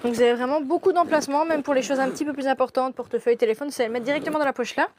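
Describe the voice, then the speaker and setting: A woman's voice: high voice, rapid-fire, noisy background. A young woman presenting products in a shop during a live stream, gushing and laughing often.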